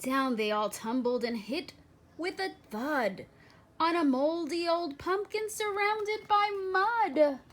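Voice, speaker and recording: In a very high-pitched voice, a woman narrates a children's picture book like a storyteller, with expressive, carefully paced phrasing and dramatic stresses.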